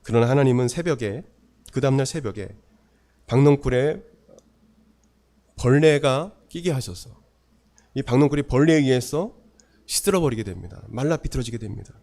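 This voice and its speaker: A male pastor preaching a sermon in a church, emphatic, with his pace slowing and speeding for effect. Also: mid-range voice, animated, mellow.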